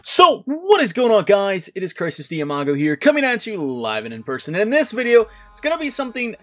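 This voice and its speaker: A man's voice: high voice, sing-song, fast, soft background music. A man hosting a casual video interview, chatting informally and wordily with some swearing. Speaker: host of a video channel.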